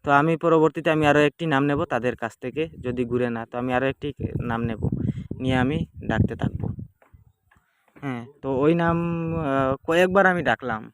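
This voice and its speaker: A man, calmly explaining a folk ritual to his viewers in plain, repetitive casual speech. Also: medium pitch, fairly quick, pauses often. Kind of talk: casual spoken demonstration. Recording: clearly noisy home video.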